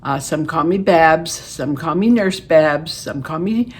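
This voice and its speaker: This is a woman in her late seventies, chatting casually to her camera at home. She talks in a folksy, rambling way and pokes fun at herself, in a slightly low voice. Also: animated, a little slow, breathy edge. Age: 70s. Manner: chatty and folksy, with laughs and self-deprecating jokes. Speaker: beauty vlogger. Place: her living room.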